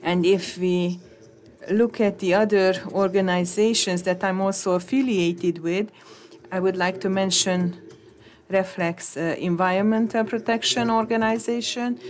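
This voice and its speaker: A woman interpreting conference talks into English, halting, with many hesitations and restarts. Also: medium pitch, steady tone, darkish tone.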